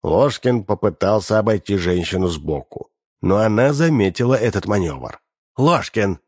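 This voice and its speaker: A man with a lowish voice narrating an audiobook like a lively storyteller. The recording is dry and close, with no room sound. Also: normal speed, slightly rough, no room sound.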